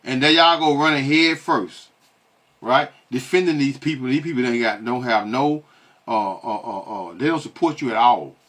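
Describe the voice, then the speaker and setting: A man's voice: mid-range voice, normal speed, a bit bright. A man giving blunt, scolding commentary on video clips, who keeps asking rhetorical questions and repeats himself. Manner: blunt and scolding, with many stalling fillers. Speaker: online religious commentator.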